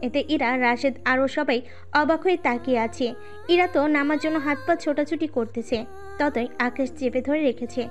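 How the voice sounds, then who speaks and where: Woman reading out an audio story, highish voice, steady scripted narration. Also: a little fast.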